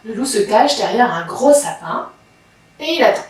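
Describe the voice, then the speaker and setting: A woman reading a children's story aloud, slowly and deliberately with dramatic pauses. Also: a little high, expressive. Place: library. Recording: very echoey room, from far off.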